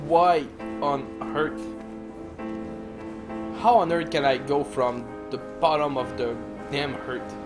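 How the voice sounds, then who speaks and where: A man giving casual, sarcastic gameplay commentary, swearing and reacting as he plays, over loud game music. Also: mid-range voice, slow, pauses often. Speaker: gamer playing through a game.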